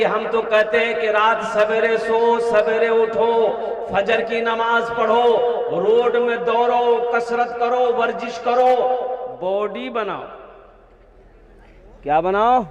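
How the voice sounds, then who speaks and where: A high-voiced male preacher delivers a sermon with animated storytelling, acting out shouted lines and questioning the crowd. His voice rings through a long, echoing hall. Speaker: Islamic preacher. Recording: echoey hall.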